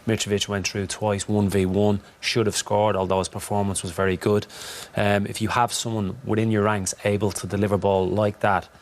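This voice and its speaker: A man analyses a football match as a pundit, his voice low and kept very flat. He speaks in blunt, firm verdicts about each team. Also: moderate pace.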